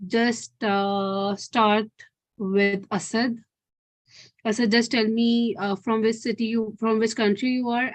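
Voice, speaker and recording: A woman running an online meeting, talking in a casual, halting way full of fillers and restarts. Her voice sits at a middle pitch and the sound is dry and close, over a video call. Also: no echo, low-quality recording. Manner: hesitant, many fillers and restarts. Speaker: call coordinator and host.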